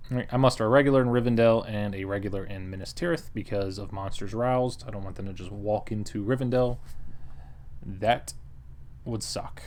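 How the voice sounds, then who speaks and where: A man's voice: on the low side, brisk, a little mellow, a little hiss or hum. A man giving a casual, wry recap of a board game he played, often laughing and quoting the table. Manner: wry, chuckling, acts out table quotes.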